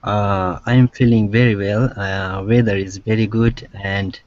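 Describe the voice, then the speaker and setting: Eager Indian man, slow dry muffled voice. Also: lowish voice, fairly even intonation, darkish tone, no echo. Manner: eager, laughs. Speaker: student.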